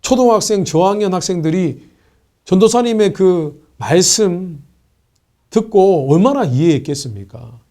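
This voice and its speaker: A man preaching in the manner of a pastor, recounting a moving story from a church event. His voice is fairly high for a man and very expressive, climbing with emphasis and sinking into quiet reflection. The tone stays mellow and warm throughout. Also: a little slow. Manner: earnest storytelling with lively rises and soft drops. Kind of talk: sermon-style video column, telling a testimony.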